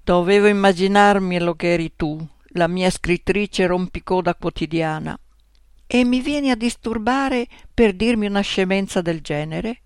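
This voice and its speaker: Storybook role: a woman voicing a lazy, indignant female house cat, mid-pitched and sassy. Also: moderate pace, clean tone, dry recording, studio quality, lightly acted. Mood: grumpy. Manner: grumbling, indignant and cheeky. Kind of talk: storybook reading.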